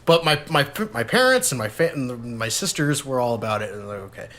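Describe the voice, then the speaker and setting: A young man, a podcast host, telling a story in casual chat, animated and swearing, breaking into high shouts when he quotes someone. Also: quick pace. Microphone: podcast mic, low-quality audio.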